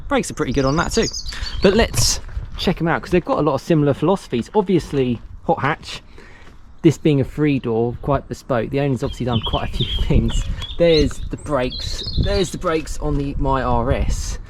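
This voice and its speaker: A man's voice: medium pitch, moderate pace, background noise. A young man giving a casual walkaround car review outdoors, chatty and loose, laughing between lines. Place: outdoors beside cars.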